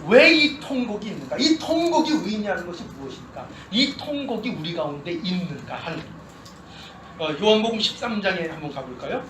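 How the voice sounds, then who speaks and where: A man's voice: sits high, big pitch swings, brisk, a bit bright. A male pastor preaching a sermon, reading scripture and then explaining it with questions to the congregation. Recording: echoey church hall, distant mic, noise.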